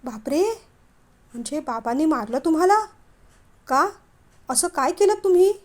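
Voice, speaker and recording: A woman's voice: high voice, animated. Woman voicing a curious chatty young wife. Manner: eager, quick questioning.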